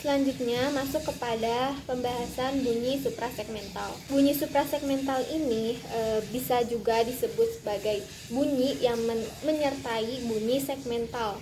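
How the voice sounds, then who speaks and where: Young female student, high voice, careful explainer with pauses, faint noise behind. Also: fairly even intonation. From Indonesia. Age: young adult. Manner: careful explanatory, frequent hesitations. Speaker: student presenter. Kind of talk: recorded class presentation.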